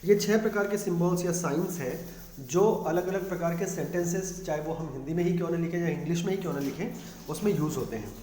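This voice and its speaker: A male teacher giving a grammar lesson, explaining patiently in Hindi mixed with English and reading the English lines slowly. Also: fairly high pitch, warm tone. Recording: echoey room, faint ambient noise.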